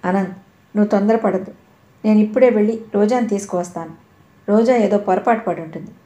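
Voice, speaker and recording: An earnest young elder brother pleads for the truth and begs his sibling to wait, as a woman reading an audio novel voices him. His mellow voice sits in a roomy, echoing space. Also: mid-range voice, brisk, lightly acted. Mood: urgent.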